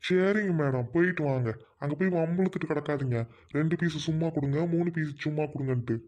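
A man's voice: on the high side, darkish tone, highs cut off, close to an everyday voice. A man with a central Tamil Nadu accent voicing a lazy, teasing husband in a cartoon. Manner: teasing, fast-talking. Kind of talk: cartoon voice acting.

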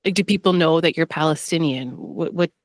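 A young woman hosting a public radio interview in a studio, asking calm, gentle questions. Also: low voice, a little fast, no room sound. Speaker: radio host. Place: small padded radio studio. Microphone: studio microphone with headphones.

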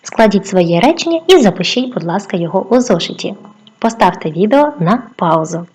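A woman teaching a video lesson to young children, encouraging and lively, with a sing-song way of asking questions. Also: medium pitch, brisk, husky. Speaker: primary school teacher.

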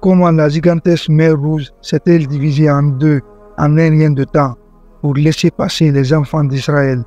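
A man tells a religious story in a measured, earnest scripted narration, his voice sitting a little high for a man yet mellow and warm. Quiet music plays softly behind him. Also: level tone, dull audio. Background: faint background music.

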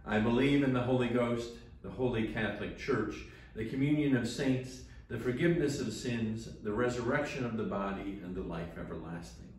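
An older rector reads steadily from a book to lead morning prayer in a small church chapel, speaking at a normal speed in a mid-range voice with hardly any pauses. The camera recording him sits some distance off, leaving his voice far away in a very echoey space.

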